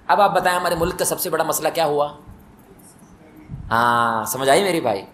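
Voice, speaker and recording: A man's voice: fairly high pitch, animated, a bit bright, roomy sound, a little hiss or hum. A man preaching a mosque sermon, telling stories and putting questions to his listeners, with emphatic rising peaks. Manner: storytelling, asks the audience questions, rises to emphatic peaks. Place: mosque hall.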